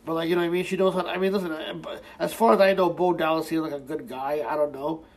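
A man's voice: fairly high pitch, steady tone, fast talker, creaky, rough recording. A young man ranting casually about wrestling fans and gossip, profane and rambling, full of restarts, fillers and sarcastic jabs. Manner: heated, sarcastic. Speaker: online commentator.

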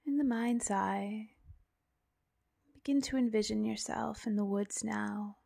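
Soft and breathy, a woman's voice guides a relaxing meditation in a sleep story narrator's style, often dipping into a whisper and gentle creak. The pacing is very slow and even, the pitch barely moves, and she leaves long pauses between phrases.

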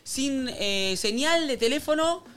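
A man's voice: extremely high pitch, lively intonation, slow, sharp tone. A man with an Argentine accent, a radio co-host telling rambling, jokey stories in casual chat. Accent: Argentine Spanish.

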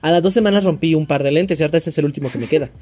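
Playful Mexican man with a dark voice. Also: a little high, rapid-fire. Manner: playful, stumbles while reading, acts out quoted voices. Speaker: podcast co-host reading gossip. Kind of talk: casual chat and reading aloud.

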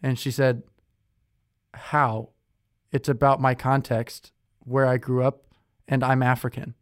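A young man co-hosting a podcast, speaking at a mid pitch. He chats loosely, with lots of "like" and "um" and plenty of restarts. The recording is dry and close, with no room sound. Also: level tone, takes it slowly, no echo. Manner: chatty, with many fillers and self-corrections. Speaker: podcast co-host. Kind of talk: casual conversational chat.

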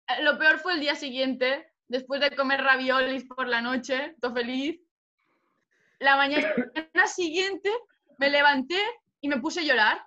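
Woman, high voice, bright tone, animated storyteller, dull lo-fi sound. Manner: animated storytelling, swearing freely. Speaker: fighter. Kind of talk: casual chat.

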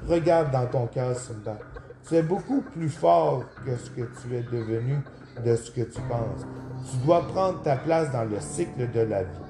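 A man's voice: medium pitch, lively intonation, a little slow. A man voicing a wise, solemn dead lion king father in a storybook reading. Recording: roomy, clear background music.

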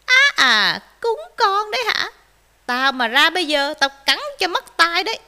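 Woman reader doing a bullying storybook fox: high, bright, snarling threats. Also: big pitch swings, a little slow, exaggerated voice. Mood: menacing. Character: sly bullying male fox, loud and threatening.

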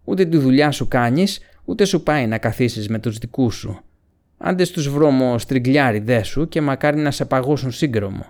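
A man putting on a sneering orc tracker from a storybook, higher and louder than the narration, rough gravelly throat, scornful and quick to yell. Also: animated, close to an everyday voice. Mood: furious. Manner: mocking, grumbling, flaring into shouts. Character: snarling male orc tracker, bitter and insolent.

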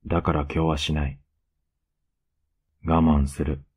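A man playing a tender, teasing, clingy younger boyfriend in an ASMR role-play, murmuring softly and intimately. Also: extremely low pitch, little pitch movement, a little slow, slightly rough, exaggerated voice. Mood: bashful, smitten. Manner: soft, intimate, coaxing murmur.

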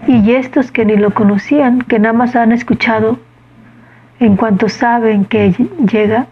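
A woman's voice: a little high, fairly even intonation, measured pace, husky, lo-fi sound. A woman giving a conversational Gospel reflection, often asking her listeners questions. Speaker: preacher.

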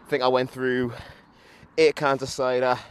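Picture a young podcaster vlogging on foot down a street, hungover and still slightly drunk from a run, swearing bluntly and poking fun at himself. He speaks at medium pitch with a flat delivery and a moderate pace. It's captured on a handheld mic and camera, with street traffic noisy in the background.

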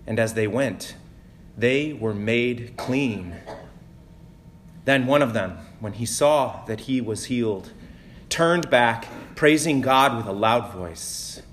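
Man giving a measured, solemn sermon. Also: mid-range voice, a bit bright, a little hiss or hum. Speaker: preacher. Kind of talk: gospel reading and sermon.

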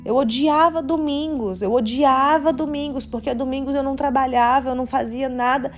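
A Brazilian podcast host in her late twenties speaks at a moderate pace with fairly even intonation, her voice sitting high while faint music plays behind her. In this candid personal monologue she is confessional, faith-centered and slangy.

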